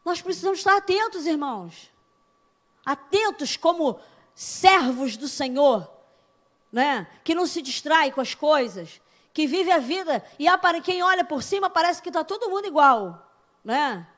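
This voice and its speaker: A woman giving a chatty, animated sermon, often checking in with her listeners and swinging between loud emphasis and soft, drawn-out words. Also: sits high. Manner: chatty and animated, keeps asking "né?" to the congregation. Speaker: preacher. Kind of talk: conversational sermon.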